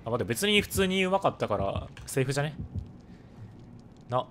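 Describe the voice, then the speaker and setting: A man with a hoarse voice, chatting casually while live-streaming a game and thanking viewers for donations. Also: mid-range voice, sing-song, brisk, a bit bright, a little hiss or hum.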